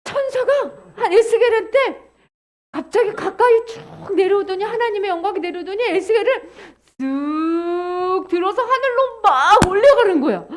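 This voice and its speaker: Very high-voiced, animated woman storyteller. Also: normal speed. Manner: animated, acts out voices and asks children questions. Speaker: children's sermon teacher. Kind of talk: children's sermon storytelling.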